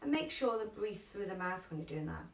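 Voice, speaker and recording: A woman's voice: mid-range voice, very animated. Chatty first aid teacher woman, echoey room. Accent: London English. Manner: chatty, emphatic, repeats key instructions slowly. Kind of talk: live online first aid class. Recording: echoey room, distant from mic.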